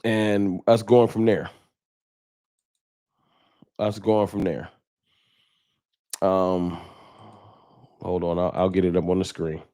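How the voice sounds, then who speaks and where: Low-voiced and mellow, an American man speaks slowly with little pitch movement and frequent pauses as he hosts a sports fan livestream. He reads chat and talks informally and candidly to viewers, in studio-quality audio with no echo.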